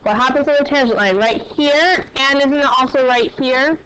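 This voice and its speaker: A woman math teacher lectures her class in a high-pitched, slightly bright voice at normal speed, firing questions at her students as she goes. The classroom recording is dull and lo-fi, with a little hiss or hum.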